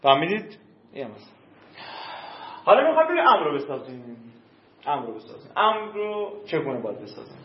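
A man's voice: a little high, big pitch swings, long pauses. A male teacher giving a classroom grammar lesson, drilling verb forms and quizzing his students. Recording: dull, roomy classroom recording.

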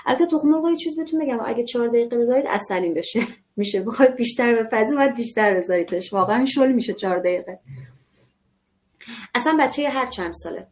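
A woman giving a live online parenting class in a conversational manner, often putting rhetorical questions to her listeners. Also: on the high side. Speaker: parenting instructor.

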